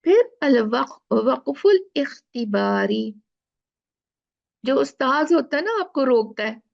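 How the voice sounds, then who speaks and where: Slow, gravelly-voiced woman teaching recitation. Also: high voice, lively intonation, muffled recording. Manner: slow, explaining step by step with frequent "theek hai". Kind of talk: tajweed lesson.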